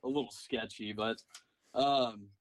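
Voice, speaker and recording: A man's voice: lowish voice, steady tone, measured pace, rough recording. A young man co-hosting a casual sports podcast, telling stories with hesitant fillers. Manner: hesitant, many fillers and restarts. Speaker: podcast co-host. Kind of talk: casual chat.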